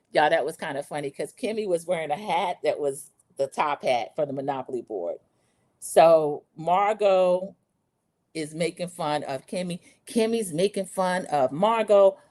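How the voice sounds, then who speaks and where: A woman's voice: mid-range voice, a little mellow, dry recording. A woman hosting a casual livestream recap of a reality show, chatty and opinionated, reading comments and saying "y'all". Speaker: host.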